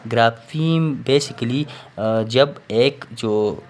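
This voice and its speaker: A man teaches a recorded lesson at a middle pitch. He explains step by step, often pausing on filler sounds and checking in with the listener before moving on. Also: a little mellow. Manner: explains patiently, repeats "theek hai" and fillers. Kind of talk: recorded classroom lecture.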